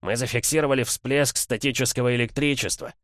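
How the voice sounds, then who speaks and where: A man's voice: medium pitch, fairly even intonation, fairly quick, a bit bright, no echo, clean studio sound, pitched above the performer's own voice, natural voice. A man voicing a matter-of-fact talking eagle in a storybook reading, slightly raised. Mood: calm. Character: calm, technical eagle.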